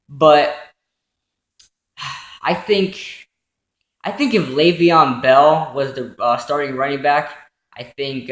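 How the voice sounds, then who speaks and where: A young man at home giving casual football commentary from his notes, halting often with ums and self-corrections. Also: medium pitch, fairly bright tone, echoey room, poor audio. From New York, raised in Pennsylvania. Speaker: football vlogger recapping playoffs.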